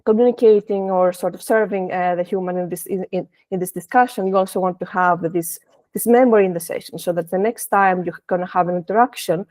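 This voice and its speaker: A woman's voice: fairly low pitch, a little mellow, dry recording. A woman, giving a technical presentation with frequent restarts and fillers. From Greece. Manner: hesitant, many restarts and fillers. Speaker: presenter, senior data scientist.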